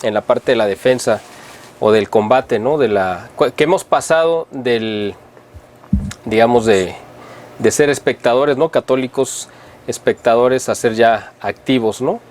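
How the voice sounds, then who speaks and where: A man's voice: mid-range voice, unhurried, a little mellow. A man hosting an interview, introducing his guest in a friendly, rambling way full of tag questions. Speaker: interviewer host.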